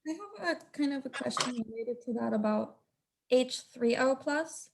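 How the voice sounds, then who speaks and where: A woman's voice: fairly high pitch, moderate pace, creaky, background noise. A woman student asking hesitant questions in a chemistry class. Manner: hesitant, laughs easily.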